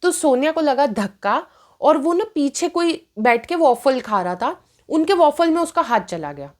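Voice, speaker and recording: A woman's voice: sits high, moderate pace. A woman in her twenties telling a personal story in casual vlog style, switching between Hindi and English and acting out what people said. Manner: animated, mixing Hindi and English, acting out quotes. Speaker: storytime vlogger.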